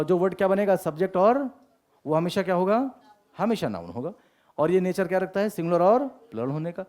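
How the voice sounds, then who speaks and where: A man's voice: on the high side, darkish tone. A male English teacher giving a classroom lecture, mixing Hindi and English and asking the class rhetorical questions.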